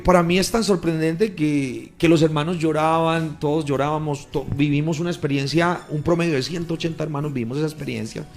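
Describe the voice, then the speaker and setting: A male pastor tells his testimony on the radio with earnest, emphatic storytelling. His voice sits a little high for a man. Soft music plays faintly behind him. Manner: earnest, emphatic storytelling that swells louder at key moments. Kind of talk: recounting a testimony on a radio program. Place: radio studio.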